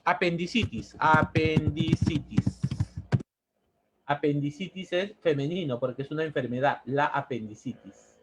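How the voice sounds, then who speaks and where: A man's voice: mid-range voice, brisk, noisy background. A man teaching a grammar lesson, who repeats words and checks in with a questioning "¿no?". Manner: explains step by step, repeating words and asking "¿no?".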